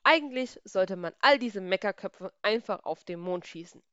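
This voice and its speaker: A woman's voice: medium pitch, lively intonation, normal speed, a bit bright, smooth, no room sound, muffled recording, natural voice. A woman voicing a smug, grinning rainbow in a children's story.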